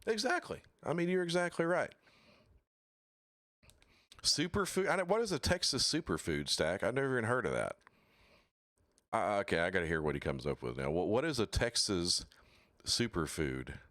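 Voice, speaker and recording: A man hosting a livestream talk show, blunt and scornful as he picks apart claims. His voice sits low and rises sharply when he gets worked up. The sound is dry and close, with no room echo. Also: animated, fairly bright tone. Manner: mocking and blunt, swears, slow deliberate delivery with sudden high exclaims. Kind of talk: casual livestream commentary, reading quotes and answering chat.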